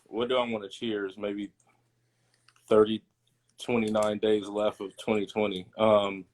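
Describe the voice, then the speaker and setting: A man's voice: fairly low pitch, flat delivery, unhurried. A man co-hosting a podcast livestream, talking in a laid-back, rambling way with lots of ums. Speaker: podcast co-host. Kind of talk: casual livestream chat.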